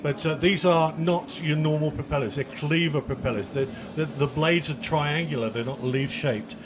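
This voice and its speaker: A man's voice: on the high side, moderate pace, a crowd in the background. A man doing live race commentary in a chatty, jokey way, describing boats he watches out the window.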